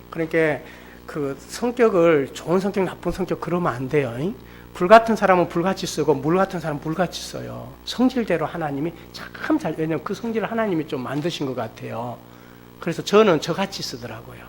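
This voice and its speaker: A middle-aged man preaching a sermon at a church service, telling a personal story with lively, acted-out storytelling. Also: fairly high pitch, fairly quick, a little hiss or hum. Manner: animated storytelling, acts out quoted speech. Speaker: pastor. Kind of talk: sermon testimony.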